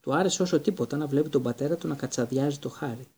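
A man narrating an audiobook in an even, storytelling manner. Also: a little high, slightly rough. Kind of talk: scripted narration.

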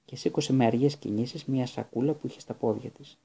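A man reading a story aloud in a calm, measured way, his voice very dark and mellow. There is a gravelly, husky grain to every line. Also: medium pitch. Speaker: audiobook narrator. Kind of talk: scripted narration.

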